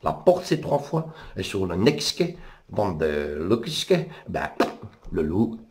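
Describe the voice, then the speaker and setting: A man's voice: sits low, very animated, takes it slowly, darkish tone. A man with a Brussels accent retelling a folk tale in a chatty, digressive way, full of asides and hein. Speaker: storyteller.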